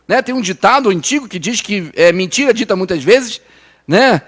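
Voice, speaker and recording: A male pastor with a São Paulo Brazilian accent preaching a sermon. He restarts and repeats words, keeps asking the congregation "né?", and moves between urgent raised lines and soft low ones. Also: expressive, normal speed. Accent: Brazilian Portuguese, São Paulo.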